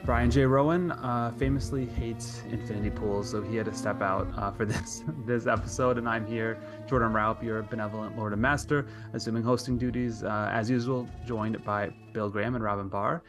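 Low, creaky-voiced man hosting casually. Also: steady tone, normal speed, hardly any pauses, over music. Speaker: podcast host.

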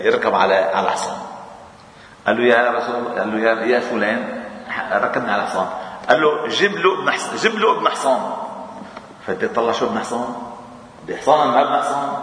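A man's voice: medium pitch, sharp tone. Lebanese man teaching in an echoey mosque. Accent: Lebanese Arabic. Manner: mixes classical reading with colloquial asides, chuckling. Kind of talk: religious lesson. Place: mosque hall.

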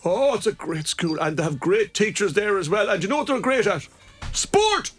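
A man playing a jolly, chatty old Santa Claus on live radio, gasping and exclaiming, then dropping low for warm asides. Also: lively intonation, fairly quick, husky, dry recording. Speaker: studio guest. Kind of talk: live radio banter in character.

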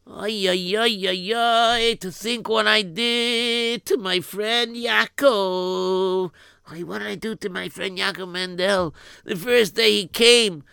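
A man voicing an anxious schoolboy who groans and mutters his worries in a rushed, higher voice. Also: steady tone, gravelly, sharp tone, clean tone, dry recording, studio quality, full character voice. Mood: guilty fretting. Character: fretful schoolboy, guilty and anxious.

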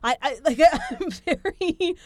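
A woman hosting a podcast, telling stories in a lively casual chat with lots of fillers. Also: high-pitched, unhurried, dry recording. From Italian heritage. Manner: animated, storytelling with frequent fillers. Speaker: podcast host. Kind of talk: casual conversation.

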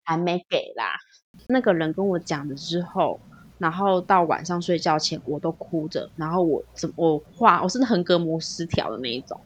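Low-voiced Taiwanese woman telling a personal story. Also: moderate pace, poor audio. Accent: Taiwanese Mandarin. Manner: animated storytelling, acts out quoted dialogue. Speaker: podcast guest. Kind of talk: emotional personal story in casual chat. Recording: faint background noise.

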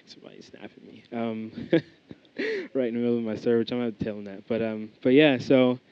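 A young American man, a student preacher, gives an informal sermon: he reads scripture, prays and shares his own testimony in a casual, rambling way full of fillers and restarts. His medium-pitched voice is sing-song and moderately paced, and the recording is dry but muffled.

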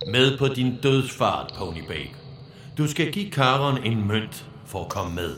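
A man's voice: medium pitch, sing-song, a bit bright. A man playing a pompous death herald, echoey. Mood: solemn. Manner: pompous, theatrical announcer. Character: solemn male death herald beside the ferryman. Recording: echoey room with faint noise.

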